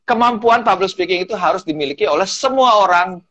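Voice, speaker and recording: Animated Indonesian-speaking man, high voice. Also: fairly quick. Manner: animated storyteller, mixes in English phrases. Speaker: guest speaker, public speaking trainer. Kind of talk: casual talk-show chat.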